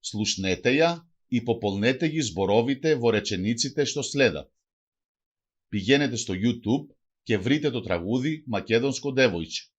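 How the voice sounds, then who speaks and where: A man's voice: mid-range voice, lively intonation, breathy edge, highs cut off. A man with a Greek accent reading a language lesson aloud, saying phrases one by one and then translating each. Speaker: language teacher.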